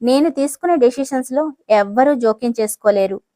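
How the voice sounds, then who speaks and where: A cold, dangerous young businessman, as a woman narrator puts him on, who keeps his words calm, clipped and dismissive. The voice sits somewhat high and sounds close and dry. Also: brisk, dry recording, close to an everyday voice. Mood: cold, controlled.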